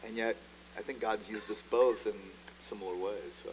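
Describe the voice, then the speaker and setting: Joking pastor in friendly banter. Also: male voice, on the low side, fairly even intonation, moderate pace, slight background noise, low-quality recording. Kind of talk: casual conversation.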